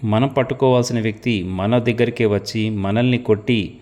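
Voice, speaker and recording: Low-voiced male suspense narrator. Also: fairly even intonation, normal speed, a little mellow. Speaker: storyteller. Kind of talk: scripted suspense story narration.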